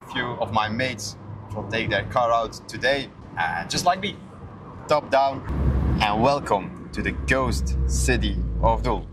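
A man in his 20s chats casually while driving for his car vlog, speaking at a measured pace in a medium-pitched voice. The audio is clear apart from car and road sound.

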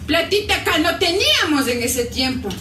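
Dolores Cacuango, high-voiced Andean peasant leader. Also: female voice, very animated, normal speed, pushed and bright, a little hiss or hum, heavily acted. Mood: plaintive recollection. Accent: Ecuadorian highland. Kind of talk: radio drama acting. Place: played over speakers at a stage performance. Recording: echoey stage playback from far off, music behind.

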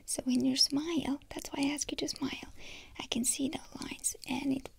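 Whispering young woman, creaky ASMR role-play. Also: high-pitched, fairly even intonation, normal speed. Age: 20s. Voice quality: breathy, unvoiced whisper. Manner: soft, chatty, instructing the listener up close. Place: small indoor room at home. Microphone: close mic, near the camera.

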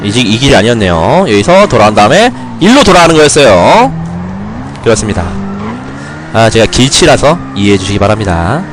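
A young game streamer chats casually as he plays, joking with viewers, talking to himself, and launching mock-angry scolding rants at the characters. His voice is fairly low with big pitch swings, and he speaks fairly quickly. Background noise is audible.

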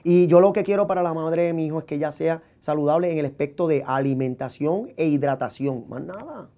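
A man's voice: a little high, a little fast, warm tone. A man being interviewed as a singer, talking in a rambling, playful way, repeating himself and stuttering over words. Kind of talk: casual interview chat.

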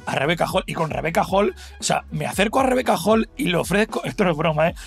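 High, gravelly Spanish man rambling animatedly. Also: fast, soft background music. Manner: rambling, animated, full of fillers and laughter. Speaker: guest telling an anecdote. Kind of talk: casual podcast storytelling.

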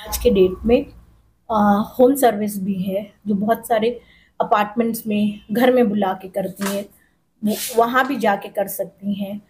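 A middle-aged woman salon owner answering interview questions in a salon, pausing often with fillers. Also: medium pitch, fairly even intonation, a little mellow. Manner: hesitant, with many pauses and fillers. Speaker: salon owner and makeup artist. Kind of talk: on-camera interview. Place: indoor salon with tiled walls. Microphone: handheld reporter mic.

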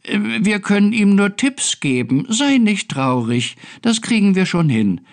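A man voicing tiny, boastful creatures living under a house, in an excitable, bragging way, in a read-aloud game story. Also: high-pitched, a little slow, gravelly, voice pushed up, full character voice.

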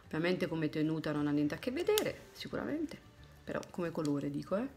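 A woman in her thirties from Italy chatting casually to a phone camera about her makeup, thinking aloud and slipping into low asides. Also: sing-song, brisk, a little mellow, soft background music. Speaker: beauty vlogger. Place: small indoor room at home. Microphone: phone camera close up.

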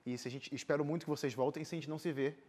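Guesting in a TV studio interview from his seat, a young man with a Brazilian accent, a singer who also volunteers as a missionary, shares personal stories informally and with animation. His speech is rapid-fire, his voice fairly high and darkish in tone with fairly even intonation.

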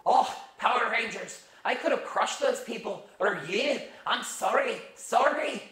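Fretful Scottish robot sidekick, apologetic and jumpy, voiced by a woman in a squeaky high register. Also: unhurried, fairly bright tone, reverberant. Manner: apologetic, jittery.

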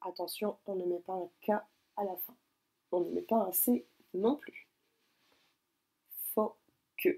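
A woman teacher recording a spelling dictation lesson at home, speaking slowly and spelling words out syllable by syllable. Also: on the low side, vocal fry, dark tone, slightly rough. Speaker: primary school teacher.

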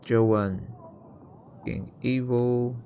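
A man's voice: mid-range voice, steady tone, very slow, vocal fry, warm tone, slight background noise. A man giving casual let's-play commentary, thinking aloud and reading text off the screen. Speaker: video game player and commentator.

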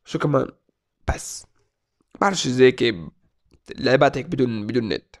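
A man's voice: medium pitch, brisk. A man in his twenties in a small room, reading viewer questions aloud and answering them in a playful, joking way. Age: 20s. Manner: joking, playful, reads out comments. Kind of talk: casual Q&A vlog. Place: small indoor room at a desk.

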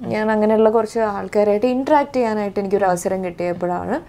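A young actress with a Malayali accent, answering interview questions thoughtfully and hesitantly, with many fillers and restarts. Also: female voice, medium pitch, fast talker, dark tone. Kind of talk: casual interview.

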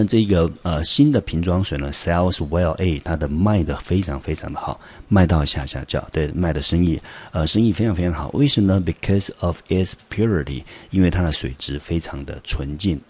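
A man with a low, slightly husky voice gives a school English vocabulary lesson. He explains patiently, reads English example sentences slowly, and drops small fillers between points. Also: darkish tone. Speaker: English teacher. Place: school video recording.

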